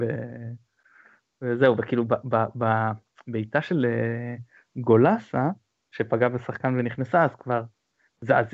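A man chats on a podcast in an excited, rambling way, often stumbling and restarting his sentences. His voice sits at an everyday middle pitch. The sound is dry and a bit muffled, like a lo-fi home recording. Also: no echo. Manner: excited storytelling with many restarts. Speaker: podcast co-host. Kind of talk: casual sports chat. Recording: dull lo-fi sound.

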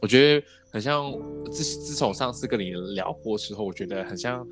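With music running beneath the conversation, a podcast host with a Malaysian Mandarin accent chats through a casual interview, mixing English into his Mandarin. His voice is lowish and his pace fairly quick.

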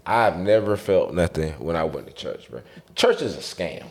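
A man in an animated, slangy group chat, speaking emphatically as he jokes and argues with friends. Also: sits low, normal speed. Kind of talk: casual group chat, joking debate.

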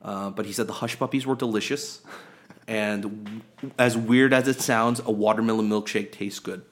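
A man with a fairly low voice co-hosts a sports podcast, talking in a loose, rambling way. He chats casually, stacking fillers and restarting his sentences as he goes. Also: fairly even intonation, moderate pace. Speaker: podcast co-host. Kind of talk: casual chat.

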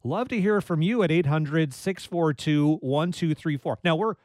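A man with a slightly high, somewhat mellow voice speaks at a moderate pace with no room sound. He hosts a public radio call-in show from a studio microphone, chatting in a jokey, easygoing, self-deprecating, conversational way.

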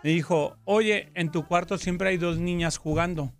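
A man with a Mexican accent telling stories in a casual chat, animated and quoting himself in lively asides. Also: high voice, measured pace. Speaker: show co-host.

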